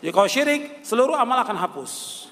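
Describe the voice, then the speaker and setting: Very high-pitched, very animated and a little bright, an older man races through an Islamic religious lecture. His rhetorical questions come with his own answers, key phrases recur, and the hall is reverberant.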